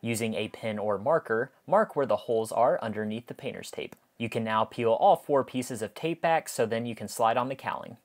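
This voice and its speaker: Man, mid-pitched, walks the listener through a hobby build step by step in an instructional voice-over, repeats himself a lot. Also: normal speed, few pauses. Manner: methodical, step-by-step, repeats "again". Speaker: model aircraft build instructor.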